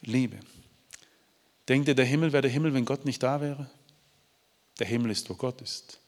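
A man's voice: medium pitch, moderate pace. Heartfelt male preacher in a reverberant hall. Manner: heartfelt, pleading, with frequent restarts and stammered repeats. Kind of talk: emotional testimony and preaching.

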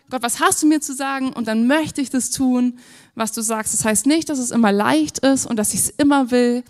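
A woman in her thirties giving an earnest, encouraging sermon in a church, often praying aloud. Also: fairly high pitch. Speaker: preacher. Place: church hall with worship music. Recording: long hall reverb, faint music behind.

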